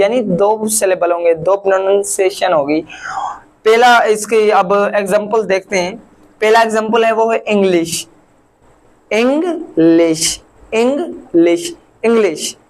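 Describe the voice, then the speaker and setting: Slow, patient male teacher. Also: sits high, poor audio. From Pakistan. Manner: slow, patient, repeats words syllable by syllable. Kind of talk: classroom-style language lesson.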